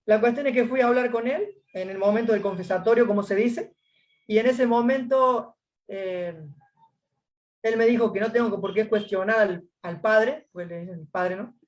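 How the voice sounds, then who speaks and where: This high-pitched man speaks at a moderate pace. He's a guest from Córdoba in a relaxed interview, recounting his story in Argentine Spanish, stumbling over many fillers as he goes.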